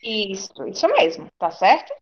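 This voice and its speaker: A woman's voice: medium pitch, very animated, moderate pace, lo-fi sound. A woman with a Brazilian Portuguese accent teaching an online class, reassuring and often asking "tá certo?".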